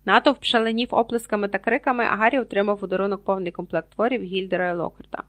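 A woman reads a storybook aloud in a steady, scripted narration. Her pitch sits in the middle of the range. She reads out the page numbers as she goes along. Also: fast talker. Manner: reads page numbers aloud, voices characters with raised loudness. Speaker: audiobook reader.

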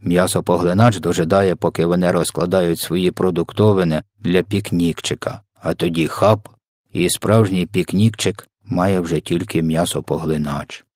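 A gentle big giant who mixes up his words, talking low and hushed, as a man puts him on for an audiobook. The tone sits deep with a husky grain, close and dry. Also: steady tone, moderate pace, no room sound. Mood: explaining. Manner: soft, muddled, made-up words. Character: kindly big male giant, soft-spoken, mangles words. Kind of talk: audiobook reading.

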